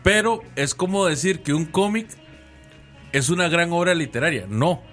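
A man's voice: a little high, animated, moderate pace, a bit bright, soft background music. Matter-of-fact man. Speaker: podcast co-host. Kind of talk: casual chat.

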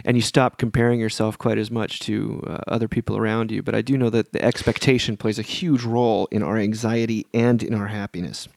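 A man in his forties co-hosting a podcast, talking in a reflective, thinking-out-loud way during casual chat. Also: lowish voice, level tone, a little fast, gravelly, hardly any pauses, dry recording. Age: 40s. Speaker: podcast co-host.

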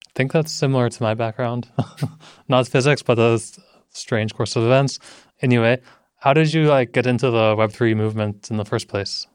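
A man's voice: medium pitch, normal speed, clear, resonant tone, no room sound, studio quality. A man hosting a podcast, asking questions in a casual way with lots of fillers. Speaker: podcast host. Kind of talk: podcast interview.

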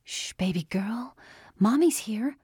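A mother keeps her voice low and unusually calm beside her child's hospital bed, as a woman reading a story puts her on. The tone is soft and unhurried, in a dry, close recording. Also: husky, no room sound. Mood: soothing. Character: calm, anxious mother soothing her sick little girl.

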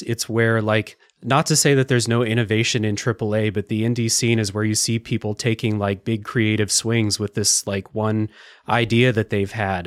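A man's voice: fairly low pitch, no echo, clean studio sound. A man hosting a video game review podcast, chatting casually with a guest and using frequent fillers. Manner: relaxed, conversational with frequent fillers. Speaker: podcast host. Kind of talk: casual podcast chat and read sponsor thanks.

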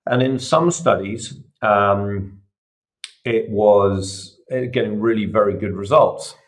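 Low-ish aussie guy, middle-aged surgeon, patient explainer on a podcast. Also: slow pace. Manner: explains patiently with everyday examples. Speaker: surgeon guest. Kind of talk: casual podcast interview.

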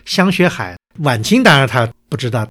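A man co-hosts a relaxed conversation and steers it from point to point. He keeps checking in with his partner as he goes. His tone is plain and conversational. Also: mid-range voice, normal speed. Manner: leads the talk, often checking in with "right?". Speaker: co-host. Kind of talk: casual cultural chat.

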